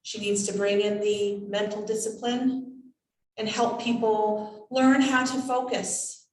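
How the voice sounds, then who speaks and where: A woman acting as a seance medium in trance, voicing a cryptic, whimsical spirit guide in halting, measured phrases. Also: mid-range voice, flat delivery, lightly acted. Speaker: channeling medium. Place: indoors, draped room. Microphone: distant camera microphone. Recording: roomy echo, distant microphone.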